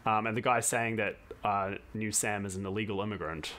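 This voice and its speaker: A man with a fairly low voice, talking in a relaxed podcast conversation. He makes measured, thoughtful points about a film and often answers his co-host with a quick "yeah". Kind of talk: casual film discussion.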